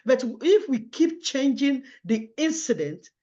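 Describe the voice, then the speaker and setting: A woman in a mock job interview gives formal answers hesitantly, repeating herself and restarting her words. Her voice is high-pitched, warm, and sing-song, and she speaks a little slowly. The audio sounds dull and lo-fi.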